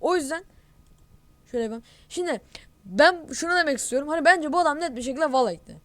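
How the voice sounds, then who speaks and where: A woman's voice: sits high, expressive, fast talker, fairly bright tone, no echo. Exasperated woman ranting over gameplay. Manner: exasperated, ranting, accusing cheaters; talks to viewers directly. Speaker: gamer, channel host. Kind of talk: live gameplay commentary.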